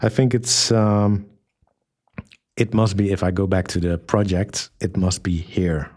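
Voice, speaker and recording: A man presenting a software tutorial in a relaxed, hesitant way, with many ums and restarts, reading aloud what he types. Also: deep voice, unhurried. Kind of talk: screen-recorded software tutorial.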